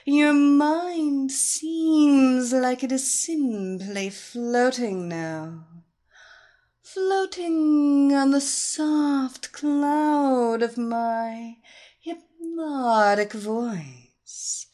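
A woman voicing a seductive, commanding woman hypnotist who speaks in a slow, droning, hypnotic way. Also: high voice, dark tone, pitched above the performer's own voice.

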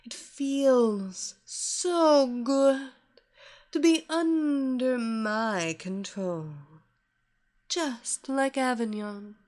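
Woman playing a slow, hypnotic villainess. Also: high voice, darkish tone. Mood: hypnotic, commanding. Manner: slow, soothing, repetitive hypnotic cadence. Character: commanding seductive female hypnotist, villainous mistress. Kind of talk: hypnosis story reading.

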